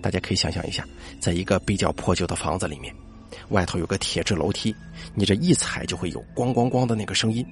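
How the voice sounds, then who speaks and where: A man hosting a late-night podcast, telling listener-submitted ghost stories and dropping his voice low for the eerie moments. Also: fast talker, faint music behind. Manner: lively storyteller voice, drops low for eerie moments. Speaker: podcast host.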